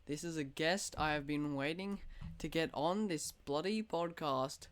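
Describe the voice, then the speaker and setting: A teenage boy hosting a casual podcast chat, excitable and swearing casually. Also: fairly high pitch, a little slow, clear, resonant tone. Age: teens. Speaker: podcast host.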